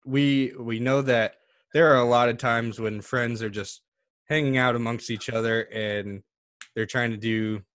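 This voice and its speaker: A man co-hosting a casual interview podcast, phrasing his questions in a hesitant, halting way. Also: mid-range voice, fairly even intonation, fairly bright tone, no echo. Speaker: podcast co-host.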